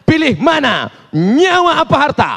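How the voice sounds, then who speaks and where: A man voicing an armed robber who makes gruff, demanding threats during a sermon. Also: extremely high pitch, sing-song, a little slow, a bit bright, voice pushed up, exaggerated voice.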